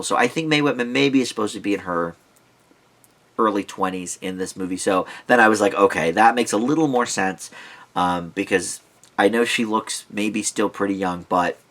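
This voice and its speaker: A man's voice: on the low side, a bit bright. A man giving a casual, rambling movie review, thinking aloud and drifting into side points in a conversational way. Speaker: film reviewer.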